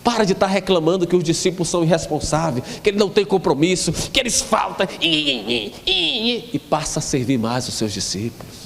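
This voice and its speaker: A man preaching a sermon as pastor, shouting out at moments and acting out the words of the people he quotes. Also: sits high, very animated, fairly quick, gravelly, hardly any pauses, in a large hall, slight background noise.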